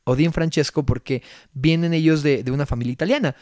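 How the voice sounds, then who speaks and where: Young Mexican guy co-hosting a podcast, lively slangy storyteller, dry close sound, fairly high voice. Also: fairly quick, dry recording. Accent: Mexican Spanish. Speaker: podcast co-host. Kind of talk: casual chat.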